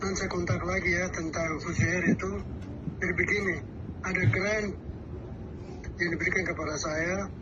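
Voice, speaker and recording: Guy on a landline phone call, pastor, calm and agreeable, dull muffled line, lots of hiss. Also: high voice, moderate pace, pauses often. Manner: soothing, repeatedly agreeing. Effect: heard over a landline phone call. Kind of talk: phone conversation.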